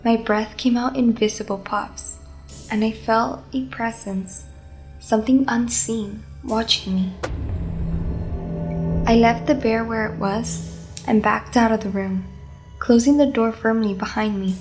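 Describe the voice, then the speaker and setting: Woman, unhurried delivery, slightly high voice, suspenseful scary story narration, measured. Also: music in the background. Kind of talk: scripted first-person scary story narration.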